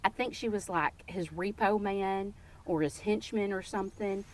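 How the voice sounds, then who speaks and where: A woman from Texas, a podcast guest telling casual, playful stories in a lively way. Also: medium pitch, moderate pace. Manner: lively, playful and warm-humored. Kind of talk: casual storytelling.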